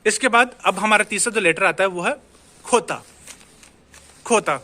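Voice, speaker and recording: A man's voice: high voice, fast, sharp tone. A man with an Indian accent teaching a casual language lesson, chatty, repeating words and checking in with the viewer. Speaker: Spanish teacher.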